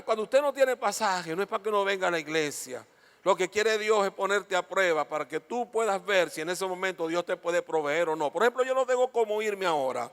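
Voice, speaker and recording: A man preaching a sermon as pastor, telling stories and tossing questions to the congregation. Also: high voice. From Venezuela. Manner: lively storytelling with questions to the congregation. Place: church auditorium. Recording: long hall reverb.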